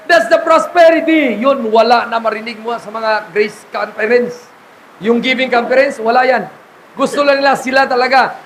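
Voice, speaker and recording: A man with a Filipino accent, a pastor preaching an animated sermon at a church conference. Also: very high voice, slight background noise, rough recording. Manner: animated preaching, mixing in laughs and acted quotes.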